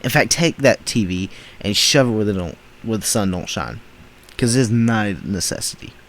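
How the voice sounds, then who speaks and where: A man's voice: fairly low pitch, normal speed, low-quality recording. A man hosting a reaction video, talking back at clips in indignant, emphatic rants. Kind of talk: reaction commentary.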